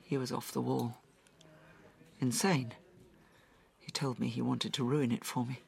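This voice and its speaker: An actress voicing a traumatized woman recounting a brutal attack, halting and often dropping into whispers, in an audio drama. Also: very deep voice, steady tone, gravelly, a little mellow, heavily acted. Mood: distressed.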